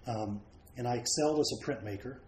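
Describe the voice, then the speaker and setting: A man raised around the United States, a painter guest, telling frank, self-deprecating stories about his life in a relaxed way. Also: mid-range voice, brisk, a little hiss or hum. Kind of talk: relaxed anecdotal storytelling. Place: large home studio. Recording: roomy studio with faint ambience.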